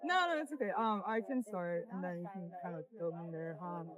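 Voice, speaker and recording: A woman's voice: fairly low pitch, a little fast. A young woman in her twenties, born and raised in South Korea, chatting casually and thinking aloud with many ums, interviewed outdoors in the city. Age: 20s. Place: outdoors on a busy city street. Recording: crowded street noise behind. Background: crowd chatter.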